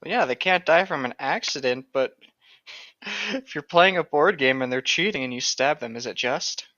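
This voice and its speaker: A man co-hosts a comedic book-reading show, bantering and reading comics aloud in a playful, silly way and laughing easily. His mid-range voice is bright with a forceful tone, and the dry recording sounds slightly dull.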